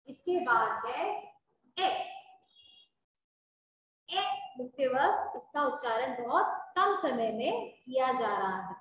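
A woman teaching young children, slowly explaining with example words, stretching the vowels and checking whether the children understood. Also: high-pitched, a bit bright, distant mic. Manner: asks the children if they understood. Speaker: primary school teacher. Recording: echoey classroom with faint background noise.

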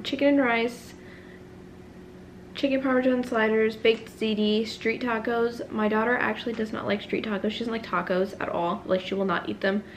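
A woman's voice: on the high side, slight background noise. A young woman in her twenties chatting casually to her camera at home, rambling with fillers and self-corrections. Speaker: family vlogger. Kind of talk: casual vlog chat. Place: home bedroom, then kitchen.

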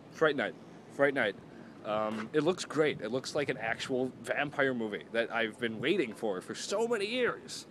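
A young man chats his way through a casual vlog in a parking lot. His voice sits at an ordinary pitch, and he rambles, mocks himself, and keeps losing his thread. Faint traffic hums behind him. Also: fairly bright tone. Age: young adult. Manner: chatty, rambling, self-mocking, trails off and restarts often. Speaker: vlogger. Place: outdoors in a parking lot beside parked cars.

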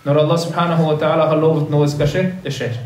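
This man's voice is slightly high and darkish, with little pitch movement. He's teaching boys religion in a big carpeted mosque room, earnestly preaching and repeating points to stress them, while a phone livestreams from across the echoey space.

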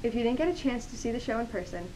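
A woman's voice: fairly high pitch, expressive, very fast, warm tone, a little hiss or hum, poor audio. A teenage girl anchoring a student news segment in a school hallway, reading a script upbeat through a mask into a handheld mic. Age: teens. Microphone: handheld mic, masked.

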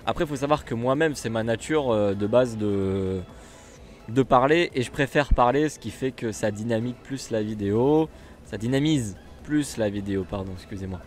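A man's voice: medium pitch, normal speed, soft background music. A man with a French accent casually commenting while he plays a bus simulator, chatty and rambling with lots of fillers and restarts. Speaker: gaming YouTuber.

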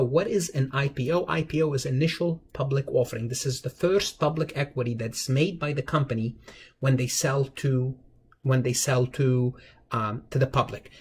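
A man's voice: on the high side, a little hiss or hum. A man giving a recorded finance lecture over slides, explaining step by step and often restarting phrases with "okay".

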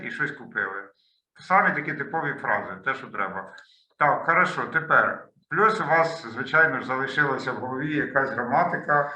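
A man's voice: mid-range voice, pushed and bright, reverberant, low-quality recording. A man teaching a beginners' language lesson over a video call, explaining his materials and thinking aloud as he clicks through slides. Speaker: language tutor. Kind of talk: online lesson walkthrough.

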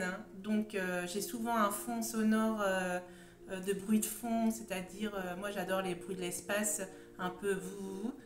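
A first-time vlogger from Champagne, France, a woman in her thirties with a sore throat and a mid-range voice, hosts a homemade hobby video. She chats casually, talkative but hesitant and prone to wandering, in a stone-walled room at home. Her phone sits at arm's length or a bit farther, giving a roomy, echoing recording with faint music.

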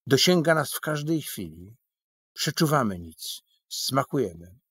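A man's voice: mid-range voice, very animated, measured pace, a bit bright, husky, dry recording, voice pushed up, exaggerated voice. A man voicing an eccentric, boastful, burly male painter who declaims grandly in a storybook reading. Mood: grandiose.

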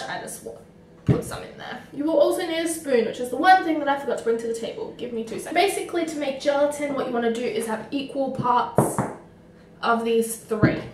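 A young woman in her late teens, a vlogger, gives a rambling, casual DIY tutorial at a table at home, swearing offhandedly. Her voice is a little high and a little mellow, with slight background noise, roomy echo, and distance from the mic.

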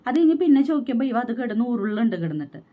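A woman's voice: on the high side, very animated, phone-quality sound. A pregnant young woman, telling a personal story in a vlog and quoting what others said. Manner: fast, aggrieved storytelling with quoted dialogue. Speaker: vlogger.

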